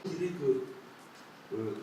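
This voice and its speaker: A man's voice: medium pitch, animated. Man speaking far off in an echoing hall. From Africa. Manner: halting, frequent "n'est-ce pas" tags. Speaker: debate participant. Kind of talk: public debate remarks. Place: conference hall. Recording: echoey hall, distant mic, noisy.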